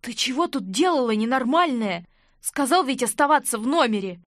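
A woman voicing a sarcastic young male investigator who growls low remarks. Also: expressive, normal speed, a bit bright, no echo, studio quality.

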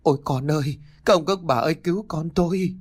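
A grief-stricken young mother wailing and sobbing for her lost child, as a male narrator puts her on in a spoken horror story. Her cries climb well above his usual speaking pitch, and the pitch swings widely. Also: animated, moderate pace, natural voice.

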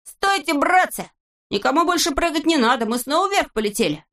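A woman voicing an excitable, boastful little boy who yells in a shrill voice. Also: moderate pace. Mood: cocky boasting. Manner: shrill, yelling, cocky.

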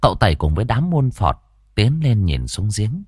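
A man narrating a ghost story in expressive audiobook style. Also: on the low side, moderate pace, husky, dry recording, clean studio sound, soft background music.

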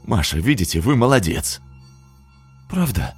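A man voicing a timid young woman, a nurse, soft and pleading. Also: on the low side, very animated, a little slow, slightly rough, soft background music, voice pushed up, full character voice. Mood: shy.

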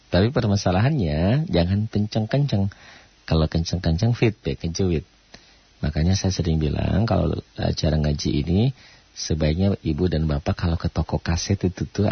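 A man's voice: deep voice, husky, no echo. A man hosting a call-in radio tajwid lesson. He asks questions and answers them himself, and draws out chanted recitation examples. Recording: lo-fi radio broadcast.

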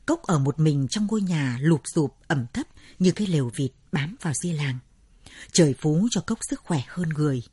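A woman narrating a story in a measured, dramatic storytelling manner. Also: deep voice, expressive, dark tone, husky, dry recording, studio quality.

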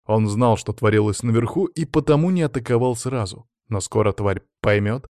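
A man reading fantasy-adventure narration in a steady, even storytelling manner. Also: lowish voice, moderate pace, no echo, studio quality. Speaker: audiobook narrator. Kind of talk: scripted narration.

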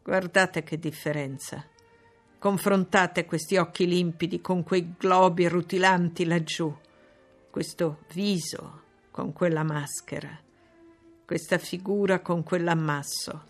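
A woman's voice: on the low side, steady tone, takes it slowly, soft background music. A woman reading aloud and voicing a grim, bitter man, the master of the house.

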